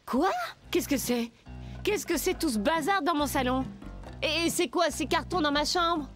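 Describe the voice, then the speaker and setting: Brief: woman as a fussy, commanding aunt, fairly high voice, telenovela dub. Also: normal speed, music in the background, lightly acted. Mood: bossy. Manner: bossy, fussy, ordering people about. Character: bossy aunt and house owner.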